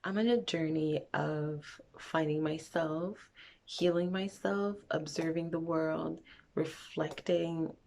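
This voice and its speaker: A young woman from Montreal, Canada, chats frankly in a casual get-to-know-me vlog, rambling and drifting off on tangents. Her voice is low-pitched and darkish, with vocal fry, a steady tone, and a slow pace.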